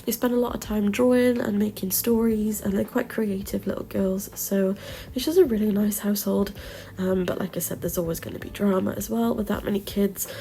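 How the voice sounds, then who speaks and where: A woman narrates a game build in a casual, chatty way. Her voice has noticeable creak and a slightly stuffed-up nose, at a middling pitch. She rambles informally from one aside to the next. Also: darkish tone, slight background noise. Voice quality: slightly blocked, congested nose. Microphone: close voice-over mic or phone.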